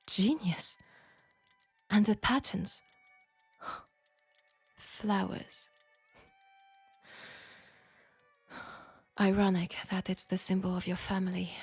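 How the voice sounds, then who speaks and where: Curious and awed at first, then reproachful, a French-accented woman plays a frank, perceptive young Parisian seamstress in an intimate steampunk audio drama. This audio roleplay performer has a medium-pitched, soft, breathy voice, speaking hushed and deliberately with pauses and breathy sighs. There's no room sound.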